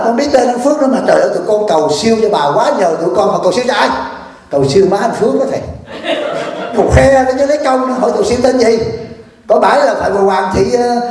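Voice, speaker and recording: Fast-talking chuckling monk in an echoey hall. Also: male voice, very high-pitched. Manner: animated, chuckling, acts out dialogue. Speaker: abbot giving a dharma talk. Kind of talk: storytelling sermon. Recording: very echoey room.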